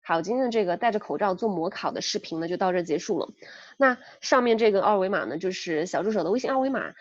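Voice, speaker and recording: A woman's voice: mid-range voice, lively intonation, fast, no room sound, dull audio. A young woman tutoring for an English test, explaining in a chatty way with many fillers, talking through a headset. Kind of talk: casual spoken lesson.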